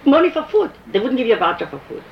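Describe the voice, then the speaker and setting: Talking very fast in a creaky, somewhat high voice, an older woman with a foreign accent recounts her activist past for an oral history interview. She's an animated storyteller who acts out the dialogue she quotes, and the audio is muffled and echoey with a faint hiss.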